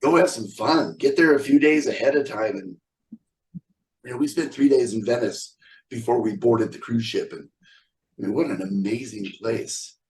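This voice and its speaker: A man's voice: mid-range voice, moderate pace, darkish tone, recorded from a distance, low-quality recording. A middle-aged man, a square dance caller, chatting in an interview in a blunt, joking, opinionated way. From California. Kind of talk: casual interview chat.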